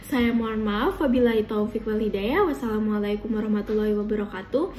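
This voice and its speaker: A woman's voice: medium pitch, a little fast, darkish tone, slight background noise. A young woman, a university student from Indonesia, giving casual spoken tips to viewers in an informal, chatty way with many fillers. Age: young adult.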